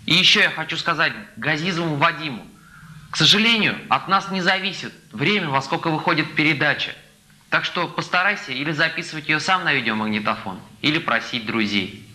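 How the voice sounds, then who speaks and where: Very bright-voiced young male presenter. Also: a little high, animated, brisk, poor audio. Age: young adult. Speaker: TV show host. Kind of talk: presenting a viewer contest. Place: small TV studio, indoors.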